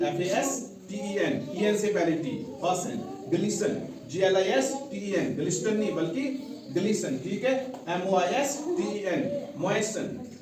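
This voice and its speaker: A male teacher giving a classroom lecture, spelling words out letter by letter and often checking that students follow. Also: sits high. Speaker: English teacher. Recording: very echoey room, mic far off, students' voices.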